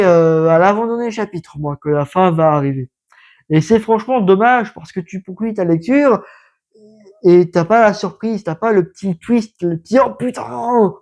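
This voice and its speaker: A man's voice: sits high, darkish tone. A man with a French accent giving a casual, emphatic manga review, talking straight to the viewer. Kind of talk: casual book review for social video.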